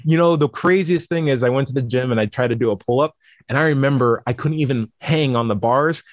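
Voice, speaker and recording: A man's voice: mid-range voice, fairly quick, no echo. Jokey podcast host man, dry sound. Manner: jokey, playful, teasing. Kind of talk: casual podcast chat.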